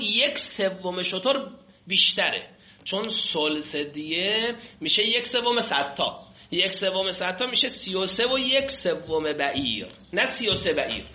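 A man's voice: high-pitched, bright, forceful tone. A man teaching a class, reading Arabic text aloud and explaining it in Persian, often asking his students questions. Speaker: seminary teacher. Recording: echoey room, muffled lo-fi sound.

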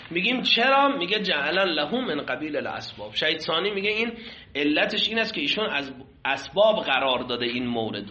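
A man with a fairly high, sharp voice teaches a seminary class on Islamic law, explaining a classical text and putting questions to his students. The room is echoey and the sound dull and lo-fi.

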